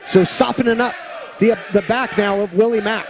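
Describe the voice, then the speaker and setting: A man calling a wrestling match play-by-play as an excited commentator, with loud, dramatic calls of the moves. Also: high voice, moderate pace, background noise. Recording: loud arena crowd and music behind. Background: cheering crowd and music.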